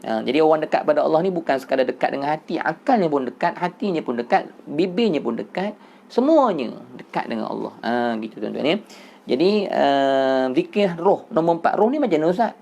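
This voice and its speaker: Giving a Sufi religious lecture, this Malaysian Malay-accented teacher speaks briskly in a slightly high, creaky, darkish voice with lively intonation. He patiently explains, repeats phrases to stress them, and returns again and again to his audience, with slight background noise present.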